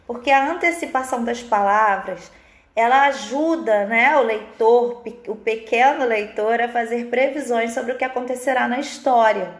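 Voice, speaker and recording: A woman's voice: a little high, normal speed, echoey room. A Brazilian woman teacher giving a live online lesson, explaining at length and often ending her points with a questioning tag. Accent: Brazilian Portuguese. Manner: explanatory, frequent "né?" tags.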